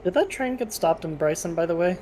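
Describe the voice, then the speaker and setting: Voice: mid-range voice, lively intonation, brisk, a crowd in the background. A fellow player in a train game, chatting casually and giving dry, helpful advice to the others. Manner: helpful, dry, gently instructive. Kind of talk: casual gameplay chat.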